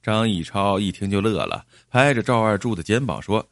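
A man with a low voice narrates a story at a steady, measured pace. The recording is close and dry, with no room sound. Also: no room sound.

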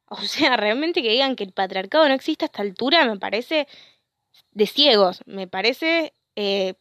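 Young Argentine woman, solo podcast host, indignant and sweary, slightly high voice, dry close sound. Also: expressive, normal speed, a bit bright, no room sound. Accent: Rioplatense Spanish.

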